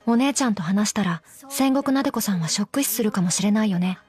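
An actress voicing a deadpan undead doll girl who teases dryly in an in-character anime commentary. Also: medium pitch, fast, soft background music, natural voice. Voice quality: flat, emotionless delivery. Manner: teasing, dry deadpan jokes. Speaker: commentary co-host.

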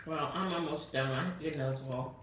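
A low-pitched woman chats casually between mouthfuls of soup, murmuring as she savors it. She sounds far from the mic in an echoey room, with clear clatter of cutlery and dishes. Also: fast talker, background noise. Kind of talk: casual mealtime chat.

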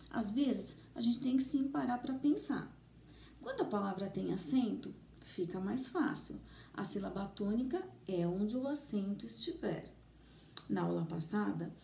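A woman teacher with a Brazilian Portuguese accent giving a remote lesson to children, gentle and encouraging, speaking slowly and clearly. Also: mid-range voice. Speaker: primary school teacher. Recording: roomy, distant mic with faint ambient noise.

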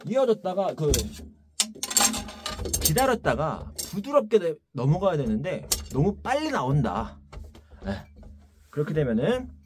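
A man gives a casual instrument lesson from a practice room. His pitch jumps around a lot, with sudden loud shouts to demonstrate a technique, and he keeps repeating his key words. A faint hiss sits under the recording. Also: sing-song, measured pace, long pauses. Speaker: taepyeongso teacher.

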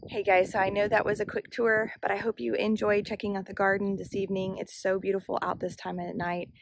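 With a level tone, vocal fry and a fairly quick pace, a medium-pitched woman hosts a home gardening vlog, casually and cheerfully walking viewers through her evening backyard garden. It's a low-quality handheld camera or phone recording made outdoors, with background noise and faint ambient sound.

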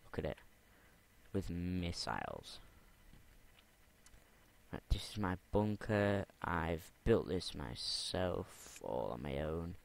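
A man's voice: low voice, sing-song, slow pace, vocal fry, long pauses. A young man rambling and talking to himself as he plays a game, repeating words under his breath. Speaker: gamer. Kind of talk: game commentary.

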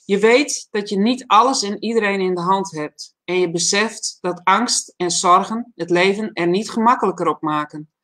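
Calm woman host reading aloud. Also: medium pitch, normal speed, hardly any pauses. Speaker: host of a livestream talk show. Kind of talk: reading a reflective text aloud, then casual chat.

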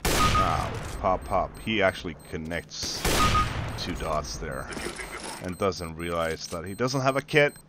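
Over very noisy game gunfire, a slow, deep-voiced man who speaks Swedish as his first language hosts gameplay. He taunts and mocks sarcastically as he comments, swearing casually.

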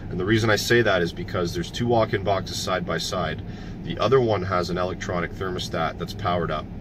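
Low-voiced man explaining HVAC work. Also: background noise. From Canada. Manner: relaxed, plain-spoken, explains step by step. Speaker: HVAC technician. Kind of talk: casual how-to explanation. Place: parked work van, then a commercial building.

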